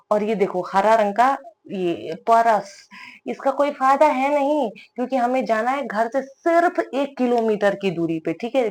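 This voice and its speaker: A woman's voice: a little high, a little mellow. A young woman vlogging her evening out in a chatty voice-over, joking and teasing herself as she goes. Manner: playful, self-mocking, jokey asides.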